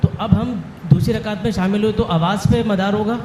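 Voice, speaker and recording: A man in the audience asking a question in a halting way, repeating himself as he explains. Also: sits high, fairly even intonation. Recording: echoey room with clear background noise.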